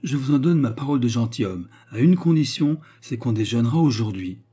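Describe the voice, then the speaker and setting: A man voicing an excitable, greedy young gentleman in a read-aloud classic story, exclaiming dramatically. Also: mid-range voice, fairly quick, slightly rough, voice pushed up. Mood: eager.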